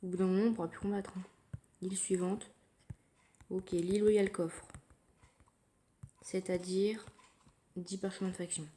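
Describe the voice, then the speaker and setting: A woman giving casual commentary while playing a mobile game, thinking aloud in a quiet, low-key way, recorded through her phone. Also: little pitch movement, moderate pace, pauses often, slight background noise. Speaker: mobile gamer narrating her play. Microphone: phone screen recording.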